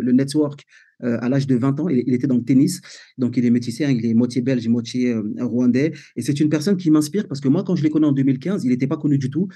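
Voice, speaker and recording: A man's voice: medium pitch, warm tone, slightly rough. A man from Martinique giving a chatty business presentation over a video call, with many fillers and repeated words. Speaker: network marketing presenter.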